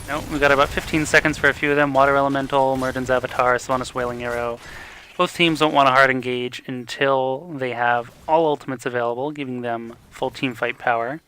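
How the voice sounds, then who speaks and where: Young male esports caster with hiccups; bright, forward voice, faint noise behind. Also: mid-range voice. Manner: rapid excited play-by-play that rises in fights. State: has the hiccups. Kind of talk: live esports commentary.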